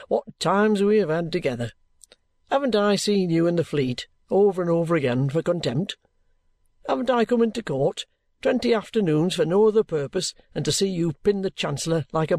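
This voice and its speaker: A woman's voice: low-pitched, a little mellow, dry recording. A woman voicing a bluff, good-humoured male police inspector in an audiobook, cajoling heartily in colloquial speech. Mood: hearty coaxing. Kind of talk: audiobook character acting.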